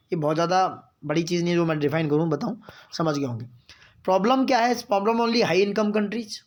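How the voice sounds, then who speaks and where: Man, high-pitched, exam-prep teacher, mixes English and chatty asides. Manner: mixes in English phrases, reads slowly, explains in chatty asides; keeps asking "got it, friends?". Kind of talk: current-affairs lecture for exam students.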